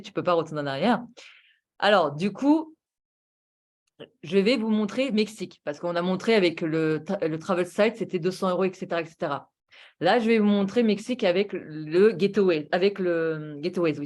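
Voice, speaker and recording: Eager woman pitching travel deals. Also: darkish tone. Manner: enthusiastic, persuasive, full of rhetorical questions and fillers. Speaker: presenter of a travel booking platform. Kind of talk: casual sales presentation over screen share.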